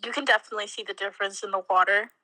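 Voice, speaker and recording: This young Mexican woman, a college student, is casually chatting in an interview with frequent fillers and little laughs. Her mid-range voice is fairly even in intonation, rapid-fire, bright and forceful. The recording is dry and the audio poor.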